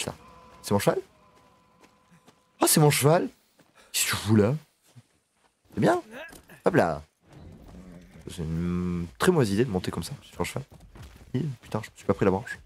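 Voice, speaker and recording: A man talking through a video game in casual commentary, his pitch leaping up and down with excitement. He swears freely and chats with his horse as he plays, at an ordinary middle pitch. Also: normal speed, long pauses, husky. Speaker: gaming video creator.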